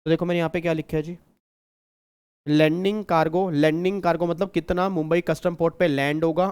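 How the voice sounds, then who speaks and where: A man from India teaches customs law to an online class, keeping his voice high and smooth. He repeats each point and quizzes the students. He also teases them as he goes. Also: a little mellow. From Kurukshetra, India. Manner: teasing, repetitive, asks the class questions. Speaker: tax teacher.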